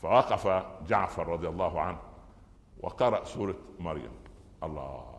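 A man with an Egyptian Arabic accent delivers a Friday sermon in a fairly low voice. He tells his stories with animated emphasis and often restarts a phrase. His voice rings out in a large hall with a long reverb. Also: normal speed, gravelly. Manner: animated storytelling, stressing key phrases, frequent restarts. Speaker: preacher.

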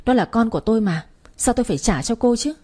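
A woman's voice: on the high side, expressive, quick pace, warm tone. A woman voicing a cold, bitter young father who speaks curtly in an audiobook. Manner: curt and cold.

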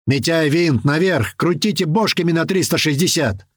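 A man's voice: a little high, expressive, normal speed, no room sound, studio quality, pitched above the performer's own voice. A man voicing a tough male squad commander who barks orders and threats. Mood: barking orders. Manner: barking orders.

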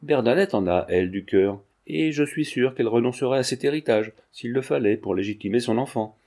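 A man's voice: medium pitch, fairly quick, a little mellow, close to an everyday voice. A man reading aloud, voicing a proud young male student speaking firmly.

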